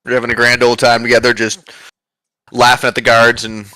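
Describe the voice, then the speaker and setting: A man's voice: mid-range voice, monotone, fairly quick, sharp tone, no room sound. Hungover man rambling through a game recap. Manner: rambling, filler-heavy, joking. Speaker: player recapping the last session. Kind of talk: casual tabletop game recap.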